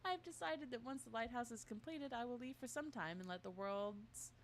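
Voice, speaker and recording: A woman's voice: fairly high pitch, fairly quick, slight background noise. A woman reading an in-game journal aloud in a mock-formal way during a casual game stream with a friend. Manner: reads text aloud with mock-formal delivery, breaks into laughs and chat. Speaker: co-host playing a game.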